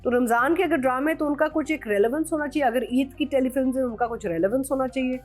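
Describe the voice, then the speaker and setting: A woman speaks earnestly in a casual panel chat, slipping into English as she makes her point. Her voice sits a little high. Soft music plays under it. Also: fast. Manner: mixes English into her talk, earnest and emphatic. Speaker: drama review panelist.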